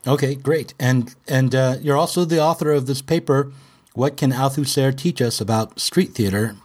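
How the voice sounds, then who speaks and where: A man hosting a podcast, reading a scripted introduction and then chatting loosely with his guest, often halting. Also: mid-range voice, darkish tone. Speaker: podcast host and publisher. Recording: faint music under the intro.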